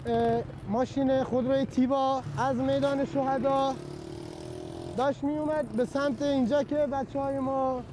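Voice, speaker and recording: Brief: male officer, formal report-style testimony, very high voice, noisy outdoor recording. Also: level tone. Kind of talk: formal eyewitness statement. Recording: outdoor noise behind voice.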